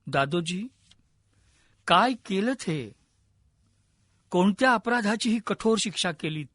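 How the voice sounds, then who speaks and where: A man's voice: high voice, big pitch swings, measured pace, dry recording, studio quality, heavily acted. A man voicing a young king who speaks earnestly and with feeling. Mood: anguished.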